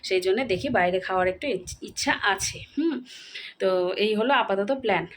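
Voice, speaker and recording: A woman, chatting quickly and casually to her viewers while vlogging at home. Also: medium pitch. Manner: rapid chatty talk with fillers. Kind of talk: casual vlog chat to viewers.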